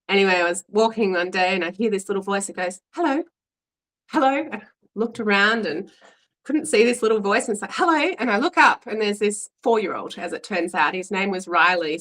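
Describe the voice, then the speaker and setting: A woman's voice: medium pitch, fairly quick, fairly bright tone, poor audio. An Australian woman in her forties candidly telling a personal story in a chatty, frank way. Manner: frank, chatty, restarts and fillers, acts out quoted voices.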